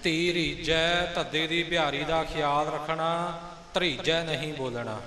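A man's voice: fairly high pitch, fairly even intonation, measured pace, a crowd in the background. A man teaching correct recitation, patiently pointing out how each word should be pronounced. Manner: patient, instructive. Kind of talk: correcting pronunciation. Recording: echoey room with long reverb.

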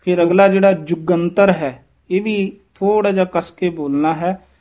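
A man teaching the correct pronunciation of scripture, slowly repeating and demonstrating each word. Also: high voice, steady tone, a little mellow. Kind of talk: pronunciation lesson.

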